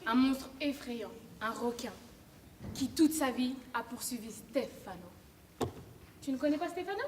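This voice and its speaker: A woman on a theatre stage playing a young woman who gently tells a story to her friends. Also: sits high, lively intonation, a little slow. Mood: calm. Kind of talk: stage play acting. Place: theatre stage, large hall. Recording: echoey hall, faint noise.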